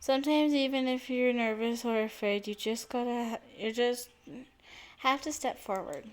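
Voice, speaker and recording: A woman's voice: on the high side, moderate pace. A young woman streamer reading a visual novel aloud, narrating dramatically with giggles and restarts.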